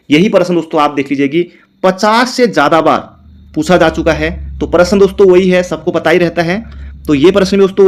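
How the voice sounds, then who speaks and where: A young man teaching an exam quiz lesson. He reads each question slowly and explains the answers in quick bursts, calling his listeners friends all the time. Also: a little high.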